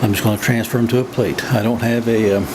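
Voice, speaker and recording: A man's voice: on the low side, fast talker. A plain-spoken, folksy man casually narrating a home cooking demonstration in his kitchen. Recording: steady background room hum and noise.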